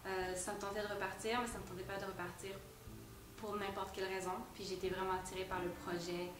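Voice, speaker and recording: A woman's voice: mid-range voice, level tone, fast talker, echoey room. Canadian woman volunteer, casual and filler-heavy; distant mic, noisy room. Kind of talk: interview answers.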